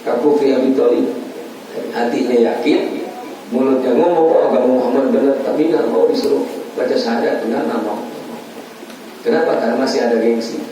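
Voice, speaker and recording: A man with a dark, mellow voice teaches a class on Quran commentary in a loose, colloquial way. He keeps asking himself questions and answering them, and acts out the speech of the people he talks about. He sits a bit back from the mic in a very echoey hall, with faint ambience behind him. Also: medium pitch, normal speed, far from the mic, a little hiss or hum. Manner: colloquial, asks and answers his own questions. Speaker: religious teacher.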